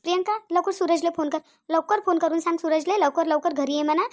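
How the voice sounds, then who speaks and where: A woman's voice: very high voice, fairly even intonation, quick pace. A woman voicing a fussy middle-aged village mother with a Varhadi Marathi accent, who talks repetitively and keeps adding tag questions. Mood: scolding.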